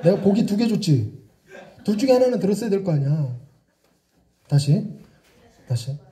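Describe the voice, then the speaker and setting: A man's voice: high voice, big pitch swings, normal speed, warm tone. A middle-aged male pastor giving a playful sermon in a church, teasing his congregation and acting out different tones of voice. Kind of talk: lively sermon with acted voices. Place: church sanctuary.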